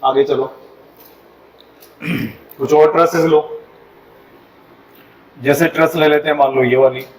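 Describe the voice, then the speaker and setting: A man's voice: on the high side, fairly even intonation, takes it slowly, long pauses, echoey room, far from the mic, slight background noise, rough recording. A man with an Indian accent teaching a civil engineering class, mixing Hindi and English and often asking the students if they follow. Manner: mixes Hindi and English, asks the class frequent checking questions. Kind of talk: classroom lecture.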